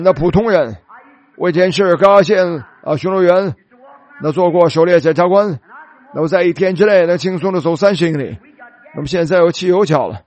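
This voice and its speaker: A man preaching a sermon, telling a story dramatically and slowing down for emphasis. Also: high-pitched, a little mellow.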